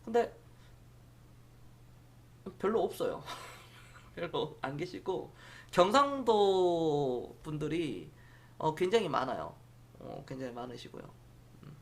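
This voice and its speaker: A middle-aged man from Jeolla hosts a casual stock-market live stream. He rambles from one point to the next and answers viewers' comments aloud. His pitch rises and falls a lot as he talks. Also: sing-song, a little slow, creaky, long pauses. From Jeolla province, South Korea.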